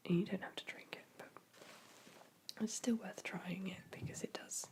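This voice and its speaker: A woman whispering softly and caringly in an ASMR chat, her throat sore and dry from a cold. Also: medium pitch, fairly even intonation, unhurried, vocal fry. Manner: soft, intimate, caring whisper. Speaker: ASMR creator. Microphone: close microphone.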